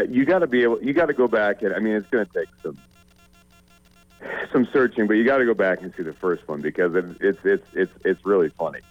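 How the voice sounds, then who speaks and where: Low-voiced joking radio co-host man. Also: dry recording, narrow, tinny audio. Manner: joking, rambling, trails off and restarts. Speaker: radio sports talk co-host. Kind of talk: casual sports radio banter.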